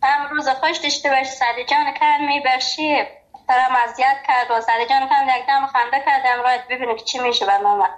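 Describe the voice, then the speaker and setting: A woman's voice: sits high, steady tone, poor audio. A woman from Farah speaking with a Farahi Dari accent, calling in to a radio show and laughing easily. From Farah, Afghanistan. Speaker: caller. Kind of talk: phone-in chat.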